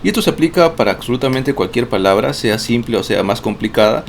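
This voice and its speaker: A man's voice: medium pitch, expressive, fast talker, creaky. A man teaching a casual online lesson, chatty, often restarting words and checking in with tag questions. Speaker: Mandarin teacher. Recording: faint background noise.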